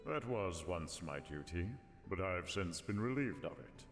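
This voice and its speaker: An actor playing an ancient divine wolf, a regal, solemn guardian with formal, stately speech in a video game. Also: male voice, low-pitched, lively intonation, a little slow. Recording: long reverb, music underneath. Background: game music.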